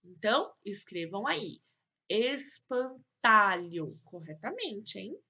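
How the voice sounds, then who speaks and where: A woman's voice: fairly high pitch, big pitch swings, pushed and bright, muffled recording. A Brazilian woman teaching young children in a recorded lesson, patient and coaxing, praising often. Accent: Brazilian Portuguese. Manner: slow, patient, coaxing, praises and uses diminutives. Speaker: primary school teacher.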